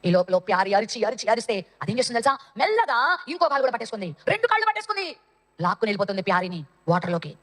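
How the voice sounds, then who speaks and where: Animated woman telling a children's story. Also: fairly high pitch, rapid-fire, in a large hall. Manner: dramatic, addresses the children directly. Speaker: Sunday school teacher.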